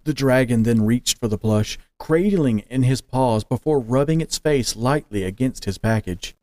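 A man narrating an audio story in a slow, measured, deliberate way. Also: medium pitch, a little mellow, no room sound, clean studio sound.

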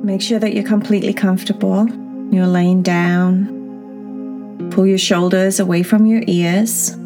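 A woman guiding a children's meditation as a podcast host, speaking in a soft, soothing, breathy manner. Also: mid-range voice, little pitch movement, unhurried. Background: new-age music.

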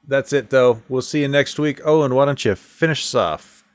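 A man's voice: mid-range voice, moderate pace, clean tone. A man hosting a casual tech podcast, chatting loosely with his co-hosts over a call and wrapping up the show. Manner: laid-back, wraps up the show. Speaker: podcast host. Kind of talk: casual chat.

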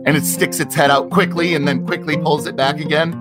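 A man's voice: on the high side, steady tone, fairly quick, over loud music. A man narrating as game master in a tabletop game, talking hesitantly with many restarts.

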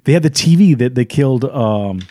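A man's voice: medium pitch, animated, fairly quick, warm tone, no room sound. Guy cohosting a movie podcast, rambly, retells scenes, dead dry sound. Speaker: podcast co-host. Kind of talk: casual movie review chat.

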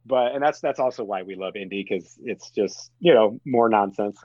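A man's voice: lowish voice, normal speed, darkish tone, dry recording, highs cut off. A man guest on a podcast, chatting casually about movies, laughing often and acting out quotes. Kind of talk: casual film chat.

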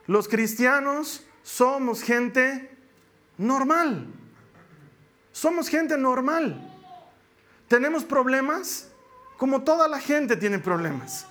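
A man's voice: extremely high pitch, a bit bright. A pastor giving a sermon in church, preaching emphatically with repeated phrases and acting out the voices he quotes. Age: adult with a young daughter.

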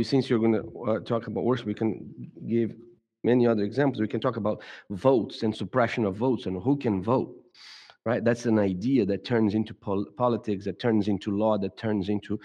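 A middle-aged Brazilian churchgoer speaks reflectively to the congregation in a Brazilian Portuguese accent, frequently stumbling over repeats and restarting. The voice is lowish, dark and breathy, with fairly even intonation at a moderate pace, set in long hall reverb.

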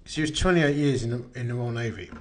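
Speaking quickly at a medium pitch, this Essex man runs a laid-back podcast full of blokey banter. The setting is his home, an open-plan kitchen lounge with plenty of echo.

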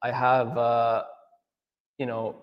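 In a large hall with the highs cut off, a man in his 30s, an auto detailer running his own business, speaks slowly at medium pitch with a completely flat delivery. The interview is casual and meandering, thick with fillers and repeated "right?"s.

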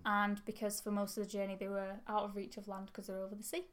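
A woman, co-hosting a podcast and reading history notes in steady runs. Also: mid-range voice, quick pace. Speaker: podcast co-host.

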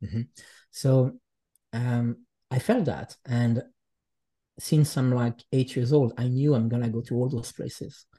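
A Swiss guest artist chats in an unhurried, casual conversation, speaking English as a second language. His medium-pitched voice is dark and mellow, and he comes across as reflective, often pausing to search for the right words.

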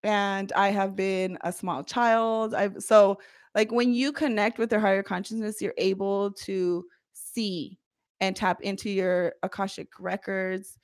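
A woman's voice: mid-range voice, little pitch movement, measured pace, clean tone, dry recording, studio quality. A middle-aged woman guesting on a casual podcast, blunt and profane, laughing often. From United States, parents from Guatemala. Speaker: podcast guest, practicing witch.

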